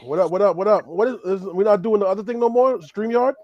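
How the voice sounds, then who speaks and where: A man's voice: high voice, fast, dull audio. A man joining a casual live-stream chat about football, loose and repeating himself. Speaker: guest on stream.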